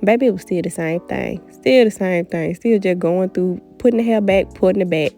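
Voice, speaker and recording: A woman's voice: fairly low pitch, moderate pace, soft background music. A woman vlogging a hair tutorial at a family home, chatty and playful, talking straight to her viewers. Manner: animated, playful, talks straight to viewers with "honey" and "baby".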